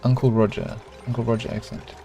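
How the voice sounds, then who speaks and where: This middle-aged game streamer, speaking with a South African accent in a mid-range voice, talks briskly over music. He provides relaxed, chatty gameplay commentary for a colony-building game, engaging his live chat and narrating to himself as he builds.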